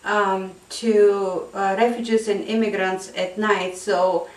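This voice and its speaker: Speaking slowly and flatly at medium pitch, a female interview guest who teaches English to immigrants and refugees reflects earnestly in a casual exchange, often saying um. Her voice is slightly off-mic in an echoey room, making it sound distant.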